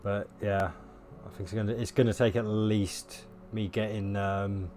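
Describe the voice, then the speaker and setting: A man with a hoarse voice, chatting casually with viewers on a game livestream. He rambles and fills pauses with ums and uhs. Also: on the low side, flat delivery, a little mellow, soft background music. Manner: rambling, many fillers, laughs at himself. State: losing his voice, coughing. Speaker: game streamer. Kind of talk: casual live-stream chat with viewers.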